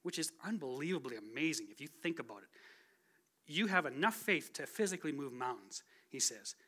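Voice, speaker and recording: A guest speaker in his forties tells a conversational sermon testimony in a church sanctuary, chatty and casual, teasing himself as he goes. His voice is a little high and animated, bright and forceful, and runs a little fast.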